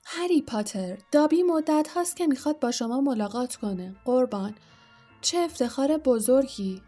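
A shrill, squeaky little house-elf who grovels and calls everyone sir, as a woman puts him on in an audiobook. The voice is high and soft-toned, with faint music underneath. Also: animated. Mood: eager. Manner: self-abasing, calls everyone sir, talks of himself by name. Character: timid groveling male house-elf servant, small. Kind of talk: audiobook character voice.

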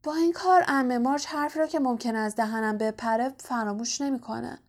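Brief: a defiant teenage boy, as a woman reads him, cool, guarded and quick. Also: on the high side, steady tone, lightly acted.

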